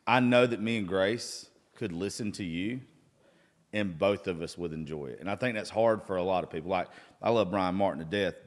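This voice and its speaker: Low-voiced hungover man, gushing and cursing. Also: a little fast. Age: 30s. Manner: gushing, rambling. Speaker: podcast host. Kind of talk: casual chat, profanity-laden. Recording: reverberant room.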